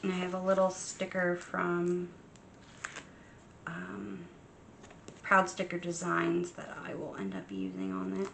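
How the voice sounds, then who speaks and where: A young woman talks through her journal setup in a soft, unhurried way, pausing with ums. Her voice is gravelly and her pace is slow. A faint background hiss sits under the recording. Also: fairly low pitch. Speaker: journaling vlogger. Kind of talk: casual chat while crafting.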